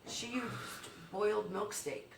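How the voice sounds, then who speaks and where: A woman's voice: medium pitch, slow pace, creaky, reverberant, recorded from a distance, noisy background. A woman co-hosting a comedy news segment, telling an absurd story playfully with ums and swearing.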